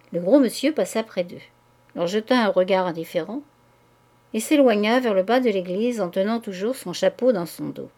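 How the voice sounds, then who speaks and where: A woman narrating a classic novel as an audiobook in a measured storytelling voice. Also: medium pitch, dark tone. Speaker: audiobook reader.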